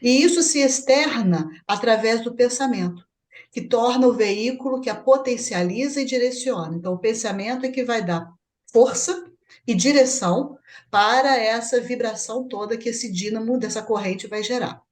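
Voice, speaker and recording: A Brazilian woman hosts a spiritist book study group, explaining a chapter and asking her partner for confirmation, speaking with a Brazilian Portuguese accent. Her voice is fairly high with a darkish tone, at a normal speed.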